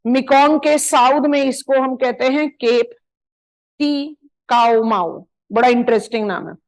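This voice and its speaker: A high-voiced woman with an Indian accent teaches map geography in a live online class, moving between English and Hindi. She marks up a map as she explains and draws out important place names slowly. The audio is poor.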